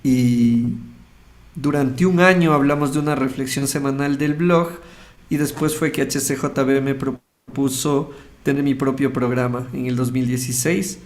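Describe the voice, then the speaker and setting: Unhurried, with medium pitch and a steady tone, a radio host speaks as an interview guest in an Ecuadorian Spanish accent. He casually tells a personal story, performing lines of dialogue throughout.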